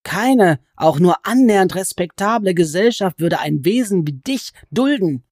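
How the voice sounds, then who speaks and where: A woman voicing a defiant young heroine who answers a goblin with sharp, scornful retorts. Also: medium pitch, animated, unhurried, no echo, studio quality, voice pushed up.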